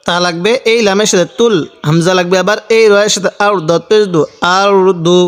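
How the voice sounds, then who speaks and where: A man's voice: sits high, steady tone, brisk, a bit bright, clean tone. A man teaching how to spell out and recite the Quran, explaining each rule methodically and repeating every syllable. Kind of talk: spelling-out Quran lesson with slow chanted recitation. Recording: long hall reverb.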